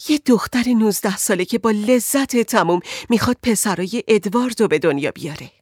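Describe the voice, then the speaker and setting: A woman's voice: mid-range voice, animated, darkish tone, breathy edge, no room sound, studio quality. A woman voicing an anxious married woman who pleads and frets about her husband in an audiobook. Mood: distressed. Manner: agitated, pleading.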